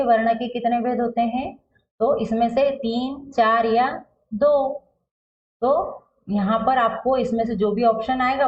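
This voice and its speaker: A woman teaches a primary school grammar lesson at a patient pace. She breaks each word into its letters and asks questions that she answers herself. The recording is roomy and a bit dull, like a lo-fi room mic. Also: medium pitch.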